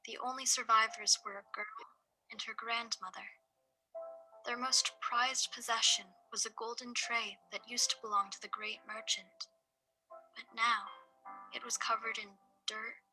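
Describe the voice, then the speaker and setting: Storyteller: woman with a very bright, fairly high voice, reading a fable. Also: poor audio. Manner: steady, measured storytelling. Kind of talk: reading a folk tale aloud.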